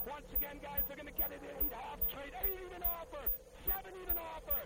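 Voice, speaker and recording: Frantic shouting man calling trades, very high-pitched. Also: little pitch movement, quick pace. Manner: frantic trading floor shouting; urgent, repetitive calls. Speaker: trading floor market squawk announcer. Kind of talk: live market price commentary, calling out trades. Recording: very noisy trading floor audio.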